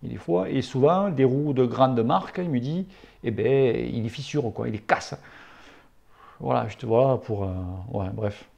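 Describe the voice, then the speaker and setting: A man answering viewer questions about cycling in a casual, plain-spoken way. His voice is gravelly and dark, and he talks bluntly and familiarly, without mincing words. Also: mid-range voice, a little slow. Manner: blunt, familiar and outspoken, with crude slang.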